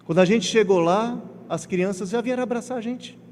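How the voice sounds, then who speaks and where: A middle-aged man with a Pernambuco accent giving an emotional, animated spiritist lecture, telling personal stories with acted quotes. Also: high-pitched, brisk. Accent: Pernambuco Portuguese. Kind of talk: lecture to a congregation. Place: large lecture hall. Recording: hall reverb with faint ambient noise.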